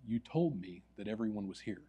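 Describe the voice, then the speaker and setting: A man voicing a stern old bearded male restaurant manager who speaks quietly, low and measured. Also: lively intonation, husky, lo-fi sound.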